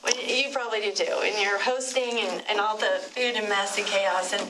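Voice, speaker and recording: A middle-aged woman city commissioner giving an unscripted, emotional tribute at a public meeting, halting and digressive with many restarts. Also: medium pitch, steady tone. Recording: distant mic with clear room noise.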